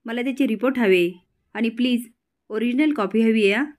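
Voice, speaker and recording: A woman's voice: fairly high pitch, moderate pace, a little mellow, lightly acted. A woman voicing a determined young woman who pleads and insists, in a retold serial. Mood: insistent.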